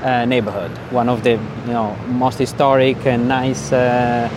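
A man's voice: medium pitch, level tone. A man with an Italian accent giving hesitant, spontaneous interview answers outdoors. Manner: hesitant, halting delivery. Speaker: sustainability officer being interviewed. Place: outdoors in a city, walking. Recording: outdoor street with traffic noise.

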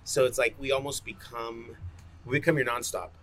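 Bilingual in English and fluent Spanish, this male coffee roaster rambles informally through a casual interview, using plenty of slang. His mid-range voice is a touch bright, fairly even and moderately paced, and a faint hiss or hum sits under the recording.

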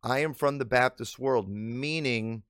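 A man, a pastor hosting his own podcast, teaches in a relaxed conversational monologue at a mid-range pitch. He is earnest, circles back and restarts his sentences, and slows down on the words he wants to stress. The sound is dry and close, with no room echo. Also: clean tone. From Illinois. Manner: earnest, with frequent restarts and drawn-out emphasis.

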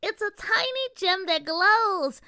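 A woman's voice: extremely high pitch, lively intonation, slow, bright, forceful tone, no echo, clean studio sound, pitched above the performer's own voice, full character voice. A woman voicing a tiny, flustered female fairy queen who frets and squeals. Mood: fretful. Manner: fretful, squealing exclamations.

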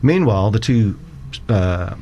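A man with a fairly low voice talks in a measured, formal way, laying out the rules of the game point by point. Faint ambient noise sits under the recording. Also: lively intonation, dark tone, highs cut off. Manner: measured, explanatory, formal phrasing. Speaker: cricket umpire guest. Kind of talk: conversational interview.

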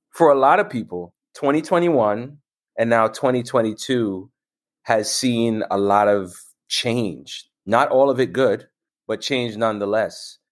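A man co-hosting a podcast, chatting in an animated, excitable way that turns reflective. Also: lowish voice. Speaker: podcast co-host. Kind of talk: casual podcast chat.

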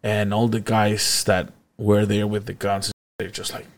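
A man's voice: fairly low pitch, monotone, measured pace. A young man casually telling a long personal story, rambling and laughing often.

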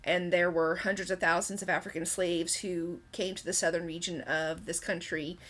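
A woman's voice: on the low side, flat delivery, moderate pace, fairly bright tone. A woman hosting a podcast, talking casually as she explains things. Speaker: podcast host.

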